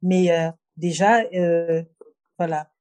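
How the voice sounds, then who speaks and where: A Cameroonian-born woman who recites her own poem in a steady rhythm, then talks earnestly and reflectively, often pausing to find her words. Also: fairly low pitch, dry recording. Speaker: poet and guest. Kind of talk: poetry reading then conversation.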